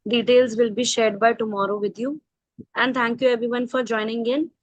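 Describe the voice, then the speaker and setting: A woman's voice: a little high, steady tone, moderate pace, no echo, muffled recording. A woman with an Indian accent, a polite and businesslike online workshop coordinator making announcements to participants. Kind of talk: announcements of offers and thanks.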